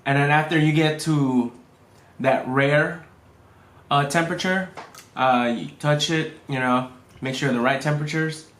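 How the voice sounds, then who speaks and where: Guy chef casually walking thru cooking steps, kinda halting, echoey room. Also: on the high side, fairly bright tone, slight background noise.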